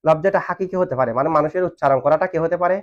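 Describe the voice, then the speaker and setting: Male teacher, quick and slightly high, drilling students with questions; lo-fi recording. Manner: asks questions and has students answer back. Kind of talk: classroom lesson on Arabic grammar. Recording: dull lo-fi recording.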